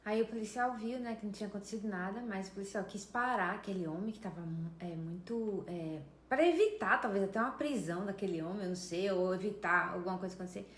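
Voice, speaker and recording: A woman's voice: mid-range voice, fast, few pauses. A woman around fifty with a Brazilian Portuguese accent, emphatically telling a story straight to her viewers. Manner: emphatic, often addresses viewers directly. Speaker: vlogger. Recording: echoey room with faint ambience.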